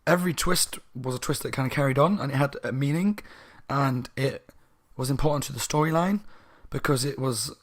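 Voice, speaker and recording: Casting: a tipsy guy reviewing a book, rambling, mid pitch. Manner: rambling, tipsy, self-correcting.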